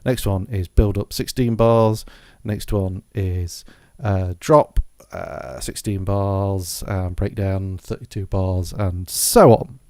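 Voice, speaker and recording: A man with a lowish voice walks through music software and hardware in an informal way. He rambles and thinks aloud as he demonstrates. The sound is dry and close. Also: fairly even intonation, slow, hardly any pauses, no echo. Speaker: music gear tutorial presenter. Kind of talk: casual software and hardware walkthrough. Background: scratching noise from a dog in the background.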